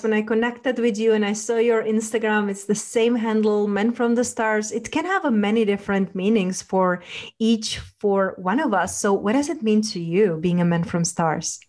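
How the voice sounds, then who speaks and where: A woman's voice: mid-range voice, darkish tone. A woman with a mid-range voice hosts an interview podcast. She is effusive and affirming, addressing her guest directly and with open admiration. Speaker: podcast host. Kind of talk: interview hosting.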